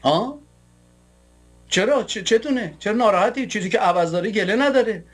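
A man's voice: sits high, lively intonation, husky. A man from Iran hosting a political show, delivering a combative monologue in a taunting, mocking way. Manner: taunting, mocking, rants with scornful laughs.

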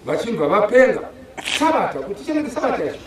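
A man preaching outdoors in a quick, high-pitched voice, working the crowd with call-and-response. The sound is echoey and distant, picked up by a far-off camera in an open field. His delivery is rapid and urgent. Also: sing-song, a little hiss or hum. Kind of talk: open-air sermon.

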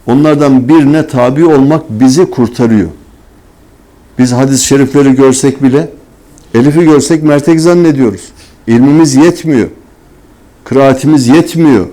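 A man preaching in a warm, mellow voice, asking the room rhetorical questions and answering them himself. He often slips into a scolding, mocking tone when he talks about hypocrites. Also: medium pitch, moderate pace. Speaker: religious teacher. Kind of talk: sermon-style religious talk.

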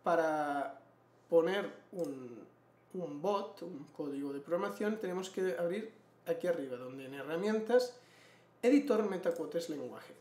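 A man, walking through a screen-share tutorial and clearing his throat often. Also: a little high, lively intonation, measured pace, a little mellow. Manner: explanatory, frequent throat clearing. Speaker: trading educator. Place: small room indoors. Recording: roomy echo.

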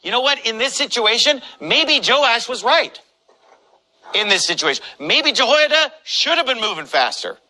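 A male pastor preaching with a high, bright voice that has a hard, forceful edge. He delivers his sermon combatively, mocking his opponents and hammering every point home. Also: sing-song, moderate pace, low-quality recording.

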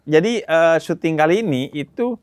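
A man's voice: fairly high pitch, animated, normal speed, darkish tone, no echo. A man from Madura hosting a podcast, chatting casually and joking with plays on words. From Madura, Indonesia. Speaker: podcast host.

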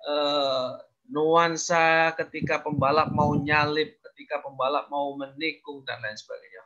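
A man giving casual public speaking advice in a webinar, explaining with frequent fillers and pauses. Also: a little high, sharp tone. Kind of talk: webinar coaching talk. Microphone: video call. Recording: dull lo-fi video call audio.

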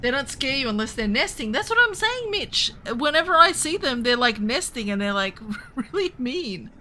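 Canadian woman game streamer in her thirties, lively sing-song pitch, bright chatter over a noisy background; cast for an excitable, rambling feel. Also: moderate pace. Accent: Western Canadian. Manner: chatty, excitable, jumps between topics. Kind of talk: casual livestream chat with viewers.

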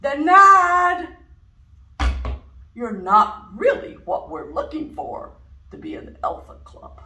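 A woman voicing a bossy male elephant who lectures in a loud, sing-song way. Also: high-pitched, big pitch swings, takes it slowly, a little hiss or hum, voice pushed up, exaggerated voice. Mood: huffy. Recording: roomy, from a distance.

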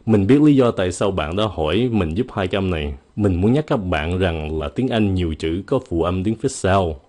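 A man with a low, mellow voice teaches English pronunciation in a relaxed video lesson. His first language is Vietnamese, and he draws each model word out slowly so it can be copied. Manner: slow, drawn-out model words.

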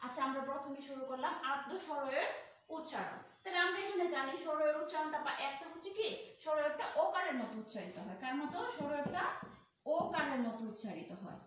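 A high-pitched woman teaches a grammar class, putting questions to her students and then answering them herself. She says each key term slowly and more than once. Her voice sits away from the mic in a very echoey room with faint noise behind. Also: lively intonation, fairly bright tone, far from the mic. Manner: repeats key terms slowly. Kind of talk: Bangla grammar lesson.

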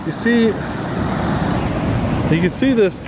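A middle-aged man talks casually to his camera on a trip, stopping for uh fillers as he goes. His voice sits slightly high for a man. Wind and traffic come through clearly behind him. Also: expressive, extremely slow. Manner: easygoing, chatty, with many uh fillers. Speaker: travel vlogger. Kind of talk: casual vlog narration. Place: outdoors on a coastal trail and inside a car.

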